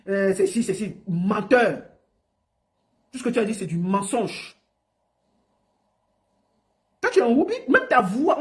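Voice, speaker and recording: A woman ranting on a livestream, mocking and scolding someone with lots of repetition. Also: medium pitch. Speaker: online personality. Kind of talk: livestream rant.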